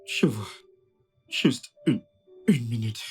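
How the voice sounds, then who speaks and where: Woman doing a very deep calm man. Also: takes it slowly, faint music behind. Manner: soothing then firm. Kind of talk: dubbed film acting.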